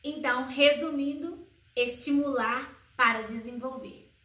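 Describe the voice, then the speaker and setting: A woman homeschooling educator explaining to parents, slowly posing questions and answering them herself. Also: a bit bright. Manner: sings baby words in a high sing-song voice. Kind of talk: educational video talk to parents. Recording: roomy echo, slightly far from mic.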